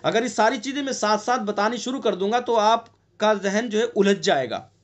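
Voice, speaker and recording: A male recitation teacher giving an online lesson, explaining patiently and breaking into long drawn-out chanted recitation. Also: high voice. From India.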